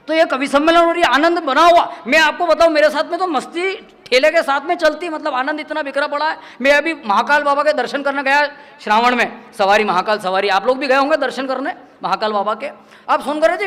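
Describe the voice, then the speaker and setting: A man's voice: very high voice, fairly bright tone. A man, performing chatty, self-mocking stories at a live poetry gathering, acting out the voices of the people in them. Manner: chatty storytelling, acts out quoted voices, laughs often. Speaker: stand-up comedic poet. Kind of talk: humorous poetry-stage banter. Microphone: stage microphone.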